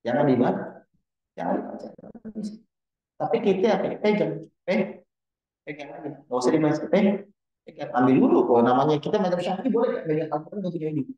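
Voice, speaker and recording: A man teaching a religious study circle in a relaxed, joking way. He keeps firing short questions at his listeners and jumps up high now and then. His mellow voice echoes around a roomy hall on a slightly dull recording. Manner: keeps quizzing the audience with quick questions; jokey, animated, with sudden high bursts. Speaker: Islamic teacher leading a study gathering. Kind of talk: casual religious study talk. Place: Islamic boarding school gathering hall.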